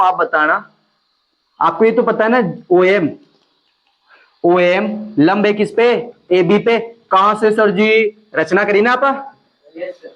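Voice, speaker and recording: A man teaching a maths class, mixing the lesson with teasing jokes to his students. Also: sits high. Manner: joking asides to students, teasing banter. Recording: dull lo-fi classroom recording.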